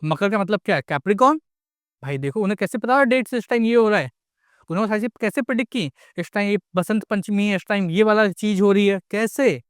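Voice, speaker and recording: A man's voice: sits high, fast, clear, resonant tone, dry recording, clean studio sound. A young Indian man giving a casual astrology lecture, mixing English into his speech and asking rhetorical questions. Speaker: astrology teacher.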